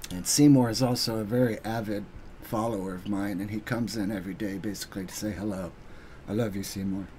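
Earnest low-voiced man streaming. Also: fairly even intonation, dark tone, slight background noise. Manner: earnest, halting, many ums. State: getting emotional. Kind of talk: live stream thank-you speech.

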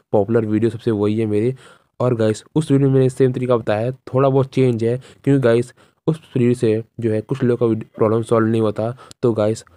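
A young man with a low, mellow voice narrates a casual step-by-step phone tutorial. He speaks directly to viewers and repeats instructions, with no room sound in the recording.

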